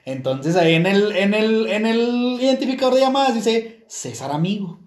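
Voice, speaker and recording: A Mexican man with a high voice co-hosting a casual podcast. He talks in a crude, teasing way and tells stories with animation. His voice rings in an echoey room. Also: lively intonation, moderate pace. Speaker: podcast co-host. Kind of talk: casual joking chat.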